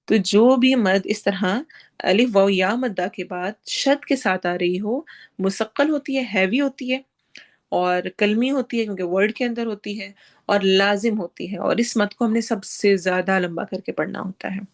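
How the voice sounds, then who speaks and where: A woman teaching Quran recitation, explaining pronunciation rules in a brisk, instructive way. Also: medium pitch. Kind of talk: tajweed lesson.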